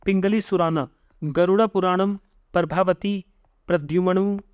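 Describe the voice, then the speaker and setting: A young man teaching an exam-prep history lesson, reading notes slowly, then explaining them quickly and stumbling over hard names. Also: high voice, fairly even intonation, smooth, dry recording, lo-fi sound. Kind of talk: lecture reading notes aloud, explaining in mixed Hindi and English.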